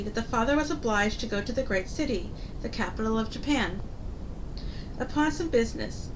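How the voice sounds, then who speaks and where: A woman narrates a storybook in the manner of a fairy tale opening. Her voice sits on the high side, with a read-aloud storyteller delivery. A clear low rumble of noise runs behind her. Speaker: host reading stories aloud.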